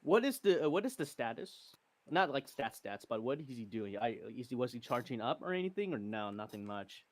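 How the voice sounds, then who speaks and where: A man playing a tabletop game in casual chat, thinking out loud and second-guessing himself. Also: mid-range voice, big pitch swings, fairly quick. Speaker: player in an online tabletop battle.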